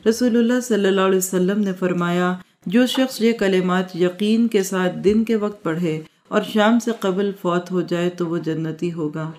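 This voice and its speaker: A woman's voice: on the low side, darkish tone. A woman religious teacher giving a devotional lecture, earnest and heartfelt, urging her listeners on with everyday examples.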